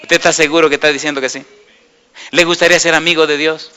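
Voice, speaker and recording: A man preaches an emphatic sermon, repeatedly putting questions to his congregation and swinging from soft murmurs to raised exclamations. His voice is fairly high with little pitch movement, fast, clear, and resonant.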